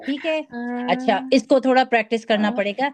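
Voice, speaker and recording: Over a video call, a woman with a fairly high voice teaches recitation in an online class, patiently demonstrating sounds slowly and checking that her students follow along. A noisy crowd can be heard behind her.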